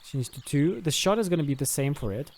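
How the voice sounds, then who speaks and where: The host of this video game modding tutorial has a fairly high, slightly mellow voice with lively intonation and a slightly fast pace. Recording his screen without a script, he hesitates and thinks aloud step by step.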